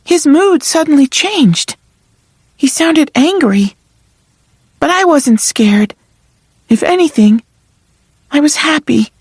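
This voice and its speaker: A woman narrating an audiobook in first person, soft and earnest. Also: high-pitched, no echo, studio quality.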